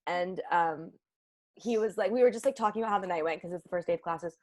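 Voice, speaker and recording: A woman's voice: lowish voice, fast, a little mellow. A young woman co-hosting a podcast in casual chat, laughing often and reacting with short quips. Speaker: podcast co-host.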